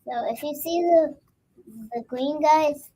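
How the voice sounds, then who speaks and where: Young girl, high-pitched, short comments and questions. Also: unhurried, warm tone. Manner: chimes in with short remarks and questions. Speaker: host's daughter chiming in.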